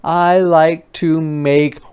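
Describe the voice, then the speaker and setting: A teacher with a clean, medium-pitched voice draws out words while reading to young children during phonics. Each letter sound and word is enunciated with exaggerated care, along with playful, expressive asides.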